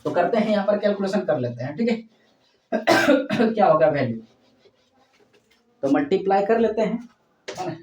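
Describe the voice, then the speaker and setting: Math teacher explaining slowly, keeps asking ok?, echoey room, a bit far from the mic. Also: medium pitch, lively intonation, a little mellow. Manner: explains slowly, often checks in with "okay?"; addresses students fondly as "child". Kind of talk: step-by-step classroom lesson.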